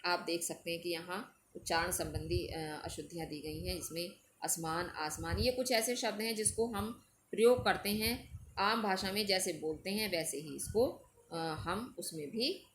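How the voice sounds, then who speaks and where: A woman's voice: on the low side, steady tone, normal speed, slight background noise. A woman teacher giving a recorded school lesson, explaining grammar step by step and often checking with the class. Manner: patient, explains step by step with "theek hai" checks.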